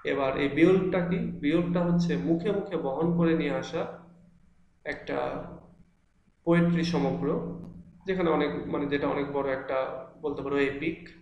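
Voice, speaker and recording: A man's voice: a little high, steady tone, measured pace, pauses often, darkish tone, muffled recording. A male teacher giving an online class from an empty room that echoes, explaining patiently with frequent fillers and restarts. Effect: echo from an empty room. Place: large, mostly empty room.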